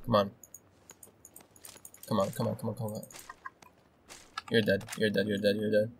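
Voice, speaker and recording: A young man commentating his own game as he plays, excitable and swearing, swinging between nervous muttering and loud outbursts. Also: fairly low pitch, moderate pace, vocal fry, a little hiss or hum. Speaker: gaming video host. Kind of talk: casual gameplay commentary.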